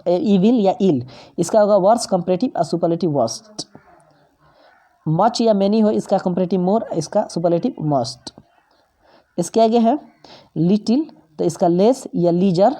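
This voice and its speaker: A woman's voice: on the low side, dark tone. A woman teaching grammar in a patient, step-by-step way, repeating example words. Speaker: English teacher. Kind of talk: grammar lesson explanation.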